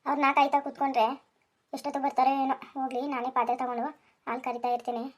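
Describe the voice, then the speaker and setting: A woman's voice: sits high, little pitch movement, very fast, lo-fi sound. A woman voicing a fussy middle-aged village farmer husband in a cartoon, grumbling and nagging. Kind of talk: Kannada cartoon voice acting.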